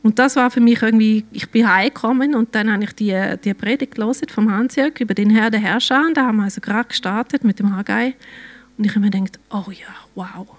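Swiss woman giving a halting faith testimony. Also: a little high. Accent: Swiss German. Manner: emotional, halting, drops to near-whispers. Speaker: church member giving testimony.

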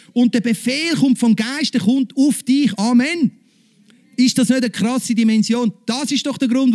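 Preacher, male, high voice, engages the congregation with questions. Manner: lively, asks the congregation questions. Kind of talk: sermon.

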